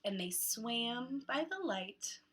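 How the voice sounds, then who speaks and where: Over a noisy background, a children's read-aloud host with a slightly high voice takes her time reading a picture book to young kids. She hams it up, stressing words dramatically in a lively, exaggerated way.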